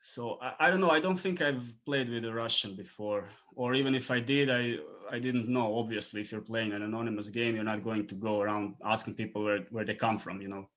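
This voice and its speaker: A man from Croatia, speaking English as a second language, chatting casually as a podcast guest with lots of fillers and soft trailing endings. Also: fairly low pitch, fairly quick, hardly any pauses. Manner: relaxed, many fillers, trailing off quietly. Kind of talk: casual interview chat.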